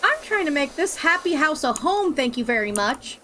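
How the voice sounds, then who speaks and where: A high-pitched woman from Minnesota hosts a casual game stream. She teases her friends and laughs often while they chat. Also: big pitch swings, normal speed, bright, forceful tone, slight background noise. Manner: playful, teasing, laughs often.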